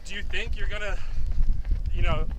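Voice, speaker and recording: High-pitched young American man, casual interviewer. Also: steady tone. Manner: loose, slangy, halting questions. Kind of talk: casual interview while running. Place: outdoors, on the move while running. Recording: very noisy outdoor recording with wind and movement.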